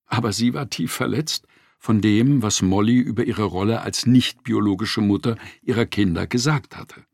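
Gravelly, lively male audiobook narrator. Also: fairly low pitch, dry recording, clean studio sound.

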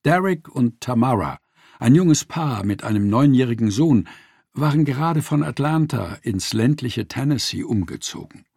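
A man narrating a nonfiction audiobook in a lively, expressive reading style. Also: medium pitch, moderate pace, creaky, husky, no room sound, clean studio sound.

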